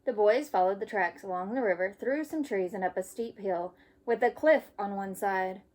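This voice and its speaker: A woman with a mid-range voice reads a children's story aloud at a moderate pace. She sounds like a teacher, bringing the tale to life with expressive storytelling.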